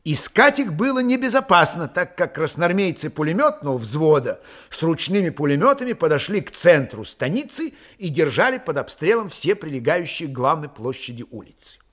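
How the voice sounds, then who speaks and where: A man's voice: on the high side, sing-song, normal speed, few pauses, a bit bright. A man narrating a classic novel as an audiobook, reading expressively and dramatically. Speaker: audiobook reader.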